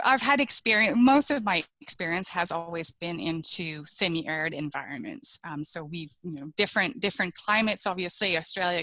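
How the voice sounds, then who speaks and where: A woman's voice: lowish voice, sharp tone, dry recording, poor audio. A woman from Quebec, an agronomy researcher, answering interview questions from her home office with lots of hesitations and restarts. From Quebec, Canada. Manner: hesitant, many fillers and restarts.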